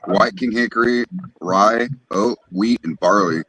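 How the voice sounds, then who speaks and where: A man's voice: on the low side, unhurried, noisy background. A man chatting casually in an agreeable, plain-spoken manner. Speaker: home distiller. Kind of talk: casual chat.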